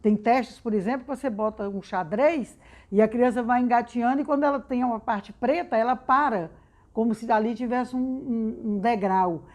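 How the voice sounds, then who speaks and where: A woman's voice: a little high, moderate pace, darkish tone. A Brazilian woman explaining research in an informal educational talk, who ends almost every phrase with a tag question and often restarts and repeats words. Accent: Brazilian Portuguese.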